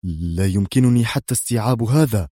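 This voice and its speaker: A man's voice: on the low side, fairly quick, warm tone, dry recording, studio quality, lightly acted. A man playing a proud, irritable male air force commander who speaks in an indignant, agitated way in an audiobook thriller.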